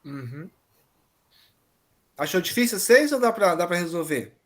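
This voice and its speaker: A man's voice: sits high, very animated, a little slow. A man teaching an online exam-prep grammar lesson, patiently explaining and often checking that students follow.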